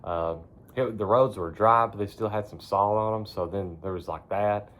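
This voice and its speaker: A man's voice: on the low side, normal speed, fairly bright tone. A man chatting casually to his phone in a barn, rambling in a laid-back, folksy way with casual cursing. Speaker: vlogger. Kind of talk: casual rambling chat to camera.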